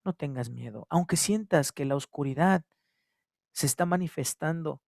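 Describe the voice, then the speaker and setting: A man with a Mexican Spanish accent, preaching a sermon at a church service, repeating his phrases and swinging between loud exhortation and hushed tones. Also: fairly high pitch, normal speed, vocal fry, no echo, clean studio sound. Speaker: pastor.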